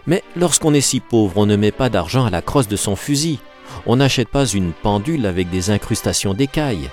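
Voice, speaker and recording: A man's voice: fairly low pitch, animated, moderate pace, darkish tone, faint music behind, pitched above the performer's own voice, close to an everyday voice. A man voicing a desperate, bitter young woman. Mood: bitter, reproachful. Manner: impassioned, reproachful. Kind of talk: audiobook reading.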